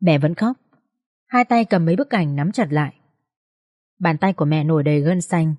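A woman reads an emotional first-person story aloud as an audiobook narrator. Her voice sits low and mellow, and the recording is close and dry. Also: normal speed, dry recording.

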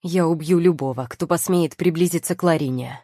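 A passionate young lord speaking in hard, barely held fury, read by a woman for an audiobook. His lines come out firm and clipped in a low, dark voice. The recording is close and dry. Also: a little fast, dry recording. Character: angry, passionate young male lord in love. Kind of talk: audiobook character reading.

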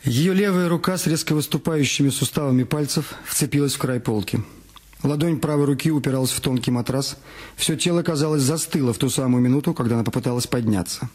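Over background music, a man reads a detective story as narrator of an audio drama. He speaks quickly in a mid-range, darkish voice.

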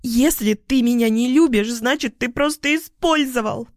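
A man voicing a volatile, clingy young woman in an audiobook, given to shrill screaming outbursts. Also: measured pace, dry recording, studio quality. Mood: furious. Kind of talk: audiobook character voice.

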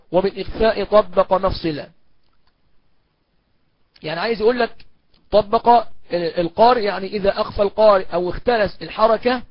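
High-voiced Egyptian man teaching recitation. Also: no echo. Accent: Egyptian Arabic. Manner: explains step by step in colloquial speech, then chants each example slowly. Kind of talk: recorded lesson on recitation rules. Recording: dull, muffled lo-fi recording.

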